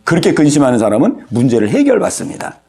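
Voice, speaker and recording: A man's voice: medium pitch, wildly swooping pitch, fast talker, mellow, soft background music. A male pastor preaching an evening sermon. He acts out worried inner voices and heartfelt prayers, and calls on church members by name to ask for their amens. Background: congregation answering amen.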